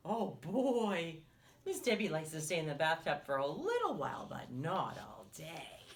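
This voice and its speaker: Reading a picture book expressively to young children, this story time host frequently poses questions and waits for their replies. She has a deep voice with big pitch swings, and there's slight background noise.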